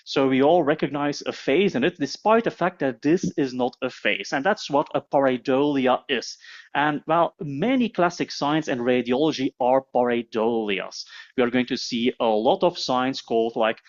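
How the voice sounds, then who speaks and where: A man teaches radiology at a brisk clip, pausing on filler sounds as he goes. His voice sits in a middle pitch. The recording is a little muffled and lo-fi. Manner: quick, with frequent "uh" fillers. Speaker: radiology lecturer. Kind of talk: fast-paced medical lecture.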